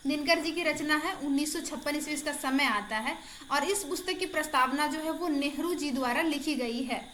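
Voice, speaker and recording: A high-pitched woman teaches an exam-prep lesson over her screen, chatty and encouraging, and she repeats each answer aloud for her students. A faint hiss sits under her voice. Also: normal speed, a bit bright, roomy sound. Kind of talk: casual online lesson.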